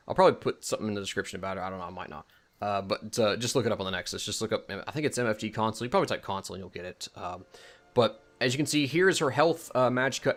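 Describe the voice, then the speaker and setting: This man, who makes mods and hosts videos, walks through a game mod in an offhand, unplanned tutorial, wandering in his talk and doubting or fixing what he says. His voice is fairly low in pitch with a fairly bright tone.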